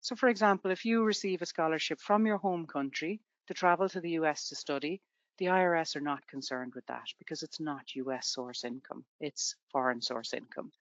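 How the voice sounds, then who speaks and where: An Irish woman with a low, brisk voice presents a tax webinar to students, keeping it conversational with everyday examples. The lo-fi recording has no echo.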